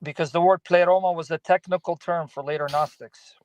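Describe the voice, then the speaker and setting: A man's voice: on the high side, fairly even intonation, fairly quick, no echo, muffled recording. A man calling in to a video stream on his phone from a parked car, casually explaining Bible Greek terms. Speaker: guest on a livestream. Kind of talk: casual theological chat. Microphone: phone, not on a computer.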